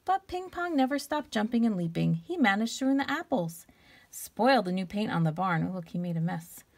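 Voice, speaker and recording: A teacher reads a picture book aloud to young children, her mid-range voice slightly creaky and full of lively, swooping intonation. She stretches out key words expressively. Now and then she pauses to ask her listeners questions.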